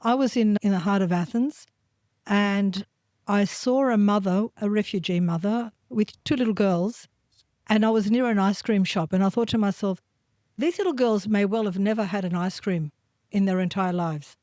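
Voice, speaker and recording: A woman's voice: mid-range voice, moderate pace, darkish tone, no echo. Woman, podcast host, heartfelt and emotional, close dry sound. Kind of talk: casual interview chat.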